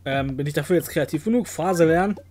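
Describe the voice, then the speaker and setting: Jokey let's-play host with a high voice. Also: male voice, fast, a little mellow. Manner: jokey, talks to the game characters, puts on silly exclamations. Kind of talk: playful gameplay commentary.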